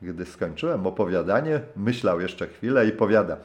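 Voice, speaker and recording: A man reading a travel memoir as an audiobook, in calm, measured narration. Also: deep voice. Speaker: audiobook reader. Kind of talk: scripted narration.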